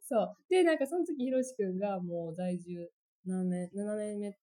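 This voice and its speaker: A woman's voice: mid-range voice, moderate pace. A young woman with a Kansai accent chatting casually as a podcast co-host, telling stories and acting out what people said. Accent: Kansai Japanese. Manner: lively storyteller, acts out quoted lines. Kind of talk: casual chat.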